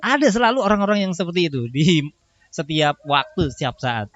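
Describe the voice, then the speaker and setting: A man's voice: fairly high pitch, very animated, fairly quick, fairly bright tone, muffled recording. A man co-hosting a casual podcast chat, laughing often and acting out examples with animation. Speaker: podcast co-host.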